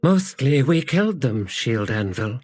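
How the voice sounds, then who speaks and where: A man's voice: mid-range voice, sing-song, unhurried, slightly rough, no room sound, clean studio sound, faint music behind, voice pushed up. A man voicing a bitter, guilt-haunted woman warrior, grave and heavy, in an audiobook.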